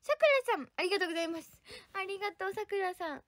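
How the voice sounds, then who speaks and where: A woman's voice: very high voice, steady tone, very fast, a bit bright, no room sound. A young woman chatting on a livestream as host, bubbly, thanking viewers and trying out English words. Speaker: livestream idol host reading viewer comments. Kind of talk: casual livestream chat.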